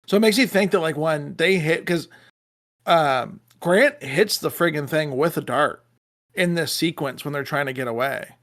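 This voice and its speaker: A man co-hosting a podcast, talking in an animated, excitable way and swearing freely. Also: fairly high pitch, moderate pace. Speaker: podcast co-host. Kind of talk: casual chat.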